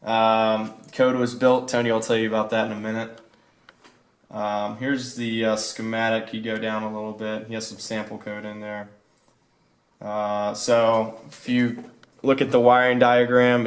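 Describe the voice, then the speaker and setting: A young adult student presenter with a lowish, gravelly voice walks through his project informally. His talk is hesitant, laid-back and off-the-cuff.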